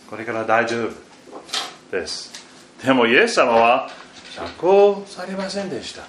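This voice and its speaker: A male preacher delivers a sermon at an unhurried pace, stopping and restarting his phrases. He often lets his sentences trail off into near silence. The recording sounds roomy and echoey, with a faint hiss underneath. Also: medium pitch, bright, forceful tone. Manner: slow and halting, with repeated fillers and restarts. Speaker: pastor. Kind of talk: sermon reading scripture. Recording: echoey room, faint background noise.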